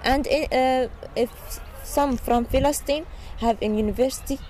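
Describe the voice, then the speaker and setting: Earnest Syrian woman in halting English. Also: sits high, mellow. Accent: Syrian Arabic. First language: Arabic. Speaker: refugee interviewee. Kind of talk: casual interview. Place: refugee camp outdoors. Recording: noisy outdoor field recording.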